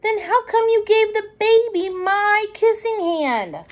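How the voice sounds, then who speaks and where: Woman voicing a high, pleading little boy raccoon. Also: lively intonation, slow, heavily acted. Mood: hurt, sad. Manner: pleading, whiny. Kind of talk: children's storybook character voice.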